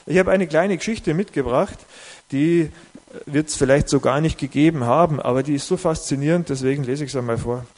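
German preacher, fairly high voice. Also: male voice, a little fast, darkish tone. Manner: conversational, reflective, with self-corrections and short laughs. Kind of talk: sermon with a read-aloud story.

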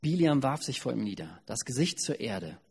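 A man preaching at a family service, retelling a Bible story in a lively, chatty way with asides. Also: medium pitch, normal speed, vocal fry, husky. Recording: long hall reverb.

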